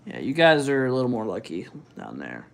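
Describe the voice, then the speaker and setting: A man hosting a live weather stream, giving casual, halting commentary as he thinks aloud and reads out figures. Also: medium pitch, wildly swooping pitch, creaky. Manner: informal, halting, thinking aloud while looking things up. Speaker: weather livestream host.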